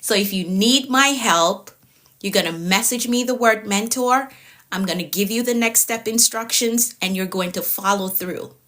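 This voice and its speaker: Woman, late 30s, productivity coach doing a live stream, bright tone, firm and repetitive delivery. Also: medium pitch, normal speed. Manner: repetitive, firm, tags lines with okay.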